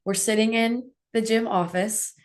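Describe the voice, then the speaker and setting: Woman host, congested, husky from a cold, chatty casual podcast talk, laptop recording in a gym office. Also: fairly high pitch, fairly even intonation, a little slow. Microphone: laptop, recorded on a call.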